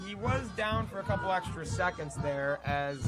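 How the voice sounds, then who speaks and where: A teenage boy giving casual play-by-play for a high school football game, hiccuping now and then. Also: normal speed, loud music behind the voice. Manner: casual, easygoing, a few filler restarts. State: has the hiccups. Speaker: student play-by-play announcer. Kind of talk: live football commentary. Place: outdoor stadium press box. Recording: noisy outdoor stadium ambience.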